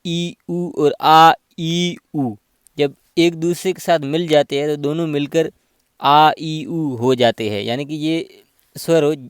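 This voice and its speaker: Guy teaching grammar real slow, patient, goes thru examples one by one, dry close sound. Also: a little high, fairly even intonation, clear, resonant tone, dry recording.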